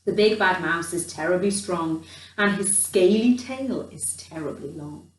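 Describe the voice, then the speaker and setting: A woman's voice: fairly low pitch, animated, unhurried, pitched below the performer's own voice. A woman voicing a big father monster telling a scary storybook tale in an ominous, dramatic way. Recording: roomy, distant microphone.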